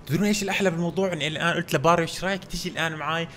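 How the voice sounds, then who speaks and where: A man's voice: fairly high pitch, fairly even intonation, rapid-fire, a bit bright, slight background noise. Hyped young man narrating his gameplay. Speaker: gamer streamer. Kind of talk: excitable gameplay commentary. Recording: music playing under the voice.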